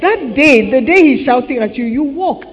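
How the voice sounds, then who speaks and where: A woman preaching a sermon in phrases, pausing for an interpreter, acting out what others say with little exclamations. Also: high voice. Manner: animated, acts out quoted remarks with short exclamations. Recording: dull, reverberant hall sound.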